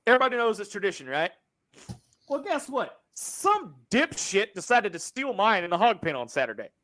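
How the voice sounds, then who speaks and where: A man hosting a casual online podcast, talking loosely and cursing freely as he steers the conversation. His voice is bright and his pitch swings widely. It sounds like an online call mic. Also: very animated, normal speed. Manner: loose, profane, runs the show. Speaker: podcast host. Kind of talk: casual chat.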